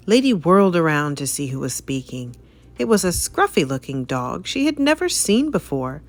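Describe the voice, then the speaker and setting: At normal speed, a low-voiced woman reads a children's story aloud. Her narration is dramatic and full of expression, with big pitch swings marking every turn.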